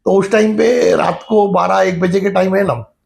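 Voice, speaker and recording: A middle-aged man with a gravelly, crackling voice that sits a little high for a man talks through a spiritual lesson like an informal chat. He explains things step by step and keeps dropping the same filler phrase as he goes, easing into a story from his own childhood. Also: steady tone, normal speed, darkish tone. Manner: conversational, repeats the filler "jo hai na" often. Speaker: spiritual teacher. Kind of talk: casual spiritual talk with storytelling.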